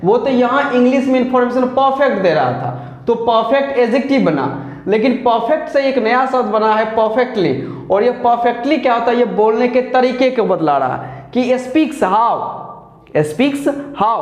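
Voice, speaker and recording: A man's voice: very high voice, roomy sound. A man with a Hindi accent, teaching an English grammar lesson patiently, step by step with repeated examples.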